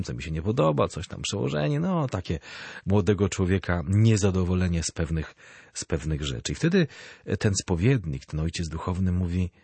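Husky, animated priest teaching faith. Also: male voice, sits low, no echo. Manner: animated storyteller; addresses listeners directly. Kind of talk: catechism talk.

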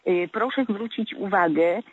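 A woman rings a radio show to deliver a lecture about proper speech, her medium-pitched voice unhurried with a breathy edge. She hesitates frequently with filler sounds, and the telephone audio is tinny.

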